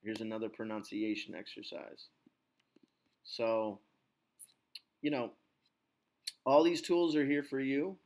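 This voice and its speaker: A man hosting his podcast as an English teacher, talking in a relaxed, reassuring, rambling way. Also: mid-range voice, slow pace, long pauses, slight background noise. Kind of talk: casual chat.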